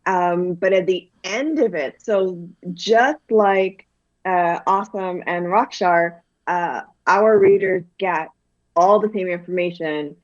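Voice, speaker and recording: In a muffled recording with no room sound, a woman speaks slowly in a lowish voice. She's a Guyanese children's book author, a guest in a casual interview, talking animatedly with plenty of fillers and restarts.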